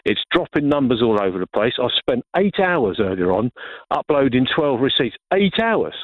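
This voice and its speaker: A man's voice: medium pitch, very animated, moderate pace, no room sound. A middle-aged Englishman phones a radio show and rants with frustration. His voice comes through a thin, phone-like line. The sound is close and dry. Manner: passionate ranting, frustrated. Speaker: caller. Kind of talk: phone-in rant.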